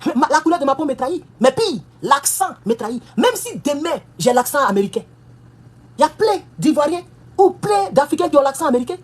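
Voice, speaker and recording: With a high, sing-song voice and a fairly quick delivery, a female political commentator from the United States launches into an impassioned, emphatic tirade. She scolds her audience and fires off one rhetorical question after another.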